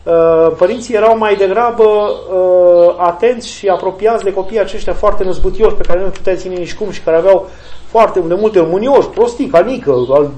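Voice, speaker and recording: A man's voice: sits high, warm tone, rough recording. A man, a priest, giving an emphatic spiritual talk to an audience and answering their questions, repeating key phrases for weight.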